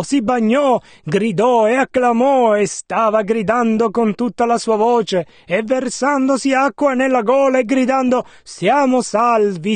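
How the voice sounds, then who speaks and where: A man interpreting a sermon line by line in a steady, measured way. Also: extremely high pitch, no room sound. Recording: dry, close sound.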